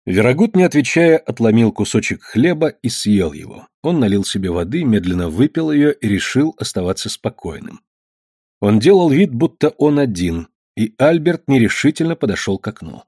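A male audiobook narrator reading a novel in a steady, measured way. His voice is husky and mid-pitched, recorded close with a dry, dead sound. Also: dry recording.

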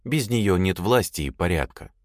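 A man voicing a calm, matter-of-fact man explaining how things work. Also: deep voice, normal speed, no echo, clean studio sound.

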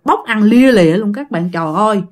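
Chatty woman storyteller, bright animated delivery, talks to listeners directly. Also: medium pitch, fairly quick. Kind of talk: casual ghost story telling.

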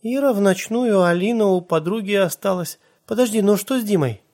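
A man's voice: high voice, fairly quick, a little mellow, voice pushed up. A man voicing a worried middle-aged aunt who fires off anxious questions.

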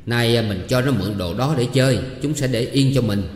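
Man playing a level-headed troupe advisor, measured and persuasive, hall reverb. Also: medium pitch, lightly acted. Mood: reasoning. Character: calm, shrewd male troupe advisor.

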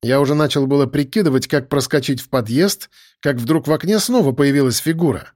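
A man narrating a first-person audiobook in a brisk, wry storytelling manner. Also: mid-range voice, darkish tone, dry recording, studio quality.

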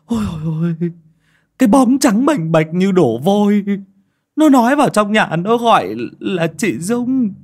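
A man voicing a frantic village mother who sobs and wails in a shrill, stammering voice. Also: expressive, a little slow. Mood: sobbing terror.

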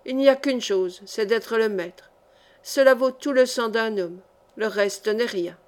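A woman's voice: on the high side, a little slow, a little mellow, lightly acted. A woman reading an audiobook, voicing a proud, feverish male brigand chief who speaks in fierce, broken bursts. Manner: fierce, broken, vehement speech.

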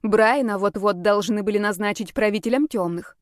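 A woman reading a first-person novel aloud at a steady, measured pace. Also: medium pitch, dry recording, studio quality. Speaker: audiobook narrator.

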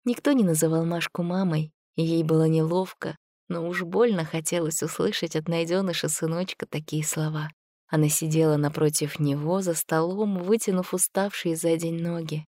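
Woman narrator, lower voice, measured audiobook reading, dry close sound. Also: no echo. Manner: even, measured storytelling.

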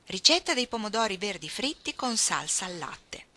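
A woman reads a novel aloud in clear, expressive narration. Her voice is bright and sits at a middle pitch. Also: normal speed. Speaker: audiobook reader. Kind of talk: scripted narration.

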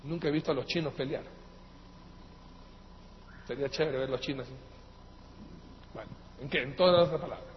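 Male preacher, Latin American accent, high-pitched, swings loud to soft, hall reverb with faint hiss. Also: normal speed, long pauses. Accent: Latin American Spanish. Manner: emphatic preaching that swings between loud outbursts and quiet asides; addresses listeners as brothers. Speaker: pastor. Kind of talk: sermon. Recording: echoey hall, dull lo-fi sound, faint noise.

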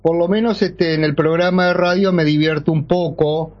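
A man's voice: a little high, steady tone, moderate pace. A middle-aged man with a Uruguayan Spanish accent, hosting a radio show in casual talk, ironic and full of rhetorical questions. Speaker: radio host. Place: radio studio. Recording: dull AM radio broadcast.

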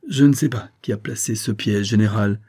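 Man reading as a resigned, betrayed count, soft and low, for an audiobook. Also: moderate pace, slightly rough.

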